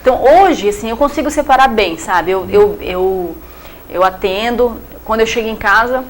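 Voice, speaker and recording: Heard on a rough recording with slight background noise, a psychiatrist guest speaks at normal speed in a somewhat high voice. She's a young Brazilian woman with a Brazilian Portuguese accent who, in this casual interview, explains in a chatty way, using everyday examples and plenty of fillers.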